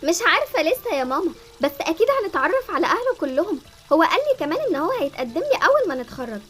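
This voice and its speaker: A proud, quick-tongued young woman , voiced by a woman, speaks Egyptian Arabic in a very high, animated voice. She talks fast and dramatically, with music playing softly under her in this Roblox drama. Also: heavily acted. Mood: happy. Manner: dramatic, swings between pleading and defiant.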